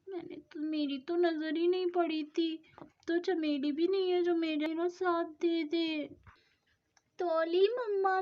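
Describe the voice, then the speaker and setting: A woman voicing a timid little girl with a childlike lisp, whiny and pleading, in a storybook doll-play story. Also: very high-pitched. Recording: dull lo-fi sound.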